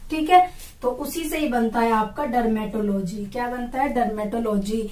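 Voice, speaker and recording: A woman's voice: on the high side, echoey room, distant mic, rough recording. A young adult woman teaching an online biology lesson for exam prep. She repeats terms and drills their pronunciation through question-and-answer prompts.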